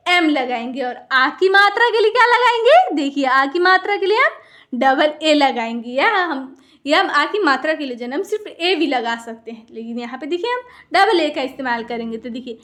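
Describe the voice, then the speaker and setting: A woman's voice: high-pitched, animated, normal speed, a bit bright. A woman teacher with a Hindi accent explaining a lesson to viewers. She asks a question and then answers it herself, repeating the key points.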